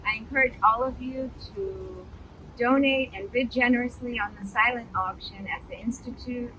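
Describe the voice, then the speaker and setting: A woman's voice: fairly high pitch, steady tone, sharp tone. A woman from the United States, an artist, giving an earnest prepared greeting in a city park. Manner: earnest, slightly halting with uhs. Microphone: camera at a distance. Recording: distant mic, outdoor traffic noise.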